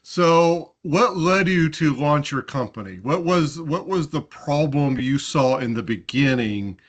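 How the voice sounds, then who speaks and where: A man's voice: fairly high pitch, lively intonation, unhurried. A man hosting a fireside chat interview, asking long rambling questions with frequent restarts. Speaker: interview host.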